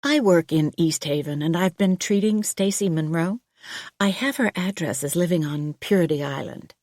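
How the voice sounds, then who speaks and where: A woman's voice: fairly low pitch, normal speed, darkish tone, no room sound, clean studio sound, lightly acted. A woman reading a concerned, careful female doctor in an audiobook, polite and earnest.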